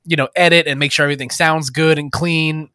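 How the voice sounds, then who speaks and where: A young man co-hosting a casual gaming podcast, animated and joking, often opening lines with "listen". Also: a little high, brisk, smooth, dry recording, clean studio sound. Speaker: podcast co-host, esports commentator.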